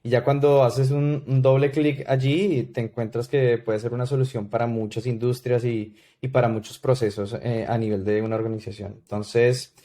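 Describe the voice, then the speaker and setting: Brief: Colombian man in his thirties, mellow and relaxed, halting with lots of "eh" and "em". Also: mid-range voice. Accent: Colombian Spanish. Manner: hesitant, many fillers and restarts. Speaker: guest consultant. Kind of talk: podcast interview.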